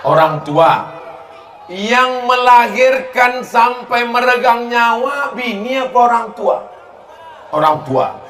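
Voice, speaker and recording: A man's voice: very high voice, expressive, takes it slowly, a bit bright. A man preaching in a humorous, emphatic way, putting rhetorical questions to his listeners. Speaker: preacher answering audience questions. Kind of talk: humorous sermon with question and answer. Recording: echoey hall with background noise.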